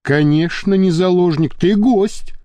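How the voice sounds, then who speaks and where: A wry, sardonic henchman, read by a male narrator in an audiobook. He lectures mockingly with lively intonation and a mellow tone, close and dry. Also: on the high side, a little slow, dry recording, pitched above the performer's own voice. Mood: placating.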